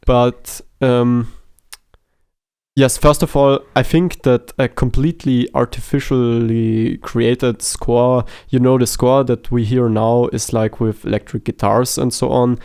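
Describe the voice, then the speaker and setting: A man with a smooth, clear voice talks slowly and casually about a film, pausing often on fillers and slipping in jokes. His first language is German. The sound is close and dry, with no room around it. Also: mid-range voice, fairly even intonation, a little mellow, no room sound. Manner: hesitant, jokey, many fillers. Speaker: podcast co-host.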